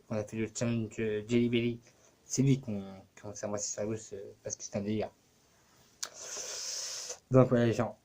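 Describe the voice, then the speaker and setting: In a medium-pitched, slightly mellow voice, a male YouTuber talks offhandedly to the camera for his channel. His speech meanders and is profane and packed with fillers.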